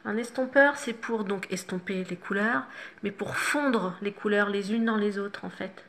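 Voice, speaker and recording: A woman's voice: mid-range voice, a little slow, fairly bright tone. A middle-aged woman talking viewers through a makeup tutorial, chatty and instructive, with self-mocking asides. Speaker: makeup vlogger.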